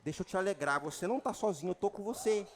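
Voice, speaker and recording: A male pastor briefly voicing the devil as a sly, flattering tempter in a sermon. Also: high-pitched, very fast, slight background noise. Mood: coaxing.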